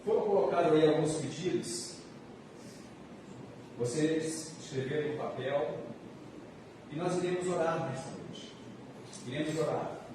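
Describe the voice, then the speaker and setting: A Brazilian man preaches as a pastor in a fairly high voice. He leans on repeated, drawn-out phrases for emphasis. The sound is strongly reverberant and distant from the mic, as in a big church room. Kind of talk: church sermon. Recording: echoey hall, distant mic, noisy.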